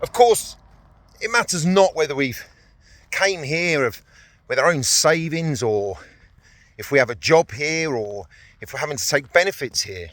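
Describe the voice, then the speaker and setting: A man's voice: fairly high pitch, animated, moderate pace, fairly bright tone, dry recording. A British man from the UK giving a chatty, blunt and wry vlog talk while out on a morning walk outdoors. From United Kingdom. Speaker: vlogger, veteran. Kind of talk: casual talking-to-camera vlog.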